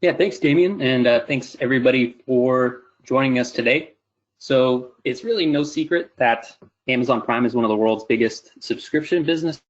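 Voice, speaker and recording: A company CEO in his thirties presents an explanatory webinar in an informal style, speaking with a medium-pitched voice at a moderate pace. The webinar audio is dull and lo-fi.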